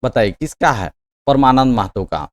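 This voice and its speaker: A man's voice: medium pitch, lively intonation. Man quizzing students. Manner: reads questions slowly and loudly, then urges quick answers; frequent "theek hai" checks. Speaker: exam coaching teacher. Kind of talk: quiz-style lesson.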